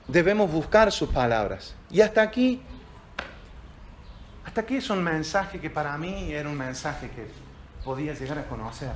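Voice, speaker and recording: High-voiced pastor preaching with slow emphasis. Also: male voice, a little hiss or hum. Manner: slow, emphatic stresses on key phrases. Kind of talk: sermon.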